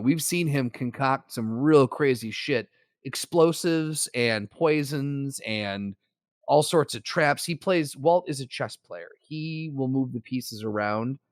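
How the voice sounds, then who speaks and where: In a studio-quality recording free of room sound, a male podcast co-host with a mid-range voice argues a point over casual conversation, profane, lively, and full of jokes.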